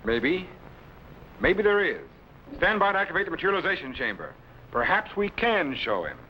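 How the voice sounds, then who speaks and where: An authoritative time-travelling scientist captain from a 1950s sci-fi drama. He declaims earnestly with lively, swinging intonation on a dull, faintly noisy old soundtrack. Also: high-pitched, moderate pace. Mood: thoughtful. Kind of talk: 1950s children's sci-fi television acting. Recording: dull, hissy vintage programme soundtrack.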